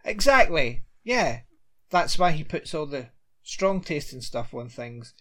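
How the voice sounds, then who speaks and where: A man's voice: on the high side, very animated, a bit bright. A man, chatting casually and rambling a little as he recaps a TV episode as a podcast co-host. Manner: chatty, rambling, quick to laugh.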